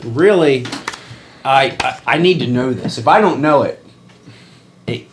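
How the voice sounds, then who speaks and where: A man's voice: mid-range voice, measured pace, background noise. A young man co-hosting a youth video series, bantering playfully over a dart game and laughing often. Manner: animated, laughing, shouts in excitement.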